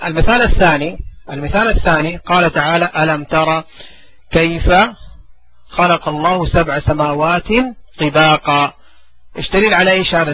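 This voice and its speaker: A man teaching a religion class, his voice bright and a little higher than most. He asks a question, gives the answer himself, then says the verse again slowly so the pupil can follow. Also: breathy edge, low-quality recording. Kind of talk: classroom lesson.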